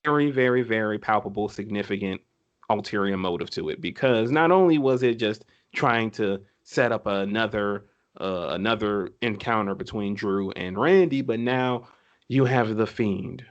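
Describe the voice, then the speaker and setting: A man's voice: on the low side, highs cut off. A man co-hosting a casual podcast, talking enthusiastically with many fillers and restarts. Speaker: podcast co-host. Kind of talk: casual chat.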